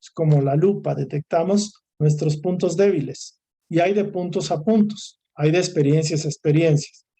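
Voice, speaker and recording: A man's voice: fairly high pitch, normal speed, dark tone. A man with a Mexican Spanish accent giving a recorded course lecture, talking in a discursive way that repeats, lists and restarts phrases. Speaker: course instructor.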